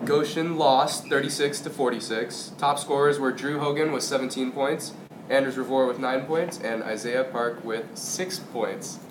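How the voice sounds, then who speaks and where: These school announcements come from a male host with a medium-pitched voice, moving at a moderate pace. He reads the script in a chatty, informal manner, ad-libbing and correcting himself now and then, in an echoey space with clear background noise.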